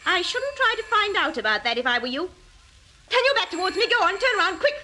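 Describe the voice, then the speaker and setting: Haughty, menacing radio-play villainess: high, swooping, melodramatic woman's voice, edged with panic. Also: very animated, fast talker, slight background noise, exaggerated voice. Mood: threatening. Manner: sharp, imperious, melodramatic. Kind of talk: scripted radio thriller acting.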